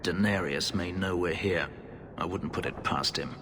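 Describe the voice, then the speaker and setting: Over game music and a noisy background, a low-voiced man speaks at a moderate pace in a natural voice. He's acting as a brooding male elf warrior and escaped slave, delivering terse, formal, grave lines.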